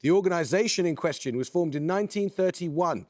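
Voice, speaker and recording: A man hosting a quiz show, reading questions in a crisp, measured, authoritative way. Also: a little high, a little mellow.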